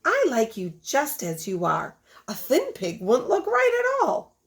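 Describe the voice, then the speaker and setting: A woman's voice: on the high side, wildly swooping pitch, unhurried, vocal fry, voice pushed up, exaggerated voice. Woman doing a proud earnest snail. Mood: apologetic. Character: slow male snail, proud then sorry.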